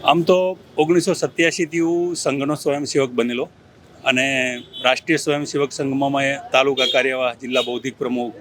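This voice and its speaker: A middle-aged man answering interview questions as a district party president, earnest, formal and measured. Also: mid-range voice, steady tone, fairly bright tone, a little hiss or hum.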